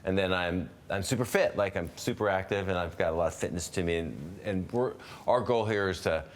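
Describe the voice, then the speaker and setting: A man in his fifties hosts a webinar over a video call in a conversational interview style, thinking aloud, restarting sentences, and posing questions. His voice is low and fairly quick, with a slight hiss or hum.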